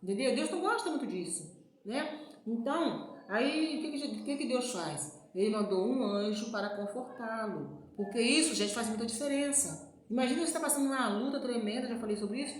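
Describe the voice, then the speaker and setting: A woman's voice: a little high, lively intonation, a little fast. A Brazilian woman preaching an informal sermon in a chatty way, often turning to her listeners with little asides. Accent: Brazilian Portuguese. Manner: chatty, frequent "né, gente" asides. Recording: very echoey room, faint noise.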